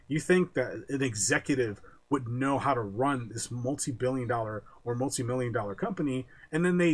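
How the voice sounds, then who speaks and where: A man's voice: mid-range voice, fairly bright tone. A man co-hosting a casual podcast, ranting with lots of swearing and acting out quoted voices. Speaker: podcast co-host.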